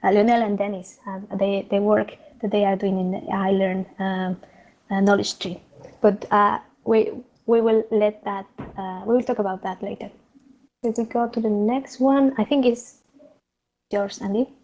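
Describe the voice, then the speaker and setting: A woman moderates an online conference session. Her voice sits at a middle pitch, and she talks hesitantly, pausing on fillers before she hands over to the next speaker. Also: steady tone, a little mellow.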